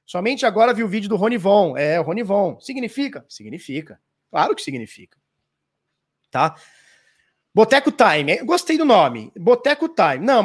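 A Brazilian man hosting a casual live stream, answering viewer questions in a loose, slangy way with swearing and restarts. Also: high voice. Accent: Brazilian Portuguese. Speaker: crypto livestream host. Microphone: standing at a live stream mic.

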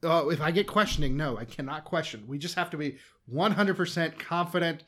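A man co-hosting a casual podcast, playful and joking with excitable bursts. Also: fairly high pitch, a little fast. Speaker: podcast co-host.

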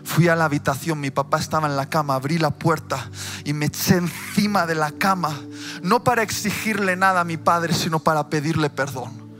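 Impassioned preacher over background music. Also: male voice, on the high side, normal speed. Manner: swings from quiet storytelling to loud, impassioned preaching. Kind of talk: emotional sermon testimony. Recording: music playing behind the voice.

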